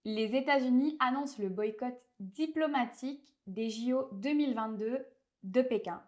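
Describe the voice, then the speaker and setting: A fairly high-voiced woman with a French accent gives a language lesson. She explains things clearly and patiently, and she slows her speech whenever she wants a pronunciation to stand out. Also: darkish tone. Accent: French of France. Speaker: French teacher.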